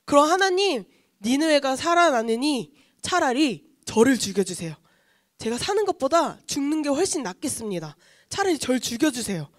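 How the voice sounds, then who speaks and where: A woman's voice: sits high, sing-song, fairly quick, dry recording, clean studio sound. A woman voicing an angry adult male prophet who whines and begs in a children's Bible story. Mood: whining complaint. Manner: whining, complaining, pleading.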